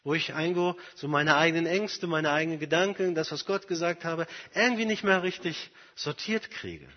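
A man delivers an earnest sermon in a husky, breathy voice, pressing his points hard and then sinking low and quiet. His voice rings with the long reverb of a large hall. The recording sounds dull and lo-fi. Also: normal speed. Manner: earnest, emphatic, personal examples, swings from loud to very soft. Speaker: preacher.

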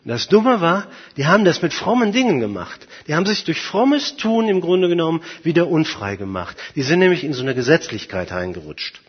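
A man preaching a sermon, emphatic, swinging from soft, quiet passages to loud ones. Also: on the high side, sing-song, a little fast, few pauses, husky. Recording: dull sound, long hall reverb.

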